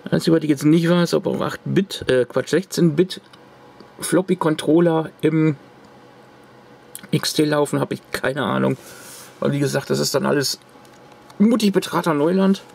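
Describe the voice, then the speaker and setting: At his home workbench, a retro computer hobbyist casually holds up a corroded circuit card for the camera, his show-and-tell vlog full of restarts, fillers, and long pauses. His voice is on the high side, gravelly, a little mellow, and slightly rough, at normal speed.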